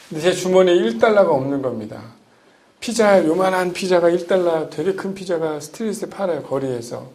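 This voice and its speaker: A middle-aged male pastor preaching to his congregation in a slightly higher voice for a man. He asks the listeners question after question and waits for their answers. He moves between loud, emphatic lines and soft, hushed ones. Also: vocal fry. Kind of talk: sermon.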